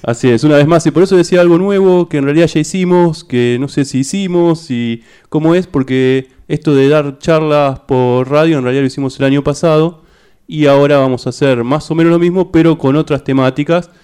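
A man hosting a radio show, chatting in a relaxed, rambling way and correcting himself as he goes. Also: on the high side, a little fast, clear, resonant tone. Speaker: radio host. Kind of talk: casual radio chat.

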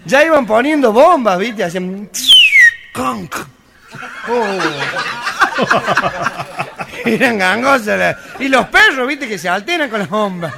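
A man telling a raucous joke on stage, shouting the punchlines. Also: high voice, lively intonation, moderate pace, creaky, few pauses. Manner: rowdy storyteller, shouting punchlines amid laughter. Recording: live audience crowd noise. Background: audience laughter.

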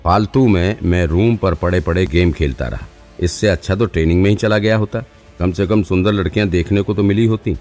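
A man narrating an audiobook in a steady storytelling manner. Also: low-pitched, brisk, faint music behind.

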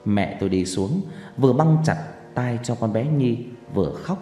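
A man narrating a horror story in a dramatic, expressive way, heard with echoey reverb and faint music. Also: normal speed. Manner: expressive, with wide pitch swings. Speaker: audiobook narrator.

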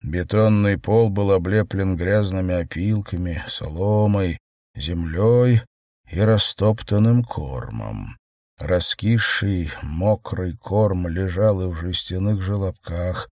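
A man narrating an audiobook in a measured, even storytelling manner. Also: sits low, no room sound, studio quality.

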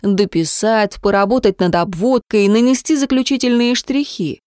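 Woman reading a tense story aloud, mid pitch, dry close sound. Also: moderate pace, darkish tone, clean tone, dry recording. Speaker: audiobook narrator. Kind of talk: scripted narration.

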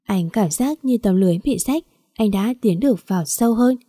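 Female audiobook narrator, even storytelling, mellow timbre. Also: mid-range voice, normal speed, no echo, clean studio sound.

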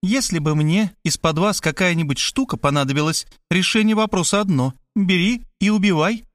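A man reading an audiobook, voicing a fussy, insistent middle-aged woman who talks fast and pushes her point. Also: high-pitched, fairly bright tone, no echo, studio quality, voice pushed up. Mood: blunt. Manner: rapid, pushy, matter-of-fact.

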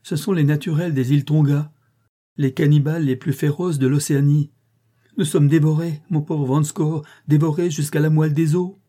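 A man's voice: on the high side, steady tone, normal speed, dark tone, pitched above the performer's own voice, natural voice. A man voicing a frightened ship captain, older, who speaks in panicked exclamations in an audiobook reading. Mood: terrified.

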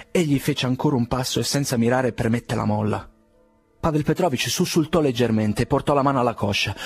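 A man narrating a classic novel as an audiobook reader, in a measured, even storytelling manner. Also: medium pitch, slightly rough.

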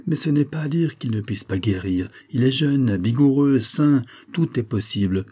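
A man reading the lines of a male army surgeon who speaks in a measured, emphatic way. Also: mid-range voice, expressive, warm tone, husky, pitched above the performer's own voice. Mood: grave. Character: irritated male army surgeon, matter-of-fact.

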